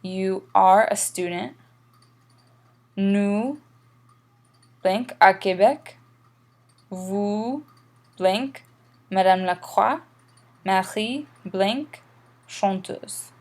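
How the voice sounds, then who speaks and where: A woman's voice: medium pitch, a little mellow. Woman teacher, patient explainer, mid-range voice, recorded lesson. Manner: patient, explanatory, spells out examples slowly. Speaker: French teacher.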